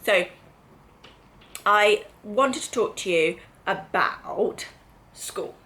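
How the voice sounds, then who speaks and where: A woman's voice: mid-range voice, very slow, sharp tone. A middle-aged woman with an English accent chatting casually as she hosts a family vlog, explaining things and checking in with tag questions. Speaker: mother hosting a family vlog. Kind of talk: casual chat.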